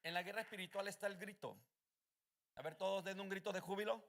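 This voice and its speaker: High-voiced pastor preaching hard, gravelly, shouts at the crowd a lot. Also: male voice, fairly even intonation, fast talker, slight background noise. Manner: fervent preacher, shouting to rally the congregation. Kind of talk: sermon.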